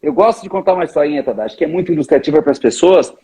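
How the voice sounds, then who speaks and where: A man speaks in a husky, slightly breathy voice that sits high for a man. He talks emphatically, illustrating his points with little stories in a conversational interview. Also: expressive, very fast, mellow. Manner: emphatic, tells stories, often addresses the other speaker by name. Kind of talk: animated conversational explanation.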